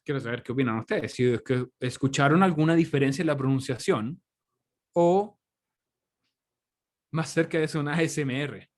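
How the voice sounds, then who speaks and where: Medium in pitch and normal in speed, this man's speech includes long pauses. He's from Chile, teaching English online in Spanish, chatty and often checking in with students by asking questions, over a computer microphone on a video call.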